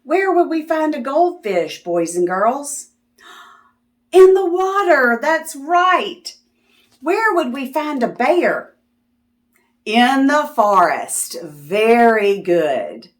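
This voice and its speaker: A woman with a high, sing-song voice reads very slowly from a picture book to young kids. Hosting children's videos, she takes a teacherly tone, asking questions and affirming answers.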